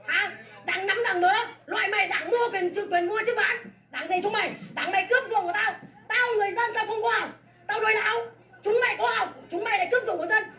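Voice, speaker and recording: Extremely high in pitch, fast, bright and forceful, a Vietnamese woman rails against the taking of her farmland. Her public complaint is a fierce, repetitive scolding, and the distant mic gives it an echoey quality.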